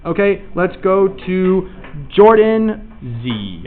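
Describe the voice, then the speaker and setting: A man with a high, sing-song voice teaches a class at a slow pace, casually calling on students one by one and encouraging their answers. The tinny lo-fi recording picks up students chattering in the background.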